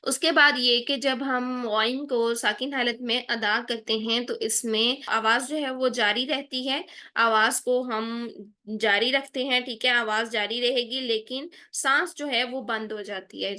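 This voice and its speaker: A woman's voice: fairly high pitch, bright, forceful tone. A woman teaching Quran pronunciation in an online lesson. She explains patiently and keeps checking in with "theek hai".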